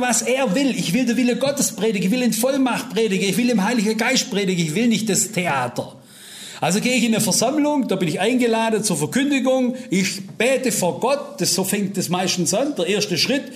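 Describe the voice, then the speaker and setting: A middle-aged male preacher with a notably high-pitched voice delivers a sermon in a storytelling way. He swings between loud, pleading cries and hushed, low asides to the congregation.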